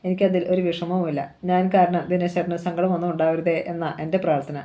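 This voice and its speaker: A kind young woman from a storybook who soothes and reasons calmly, voiced by a storyteller. her tone is gentle and mellow, never sharp. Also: mid-range voice, fast talker, lightly acted. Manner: gentle, reassuring.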